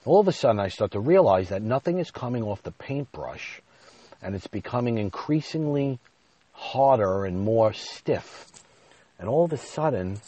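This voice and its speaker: A man's voice: on the low side, mellow, breathy edge, low-quality recording. A man in his thirties telling a personal story in an emotional, confessional way.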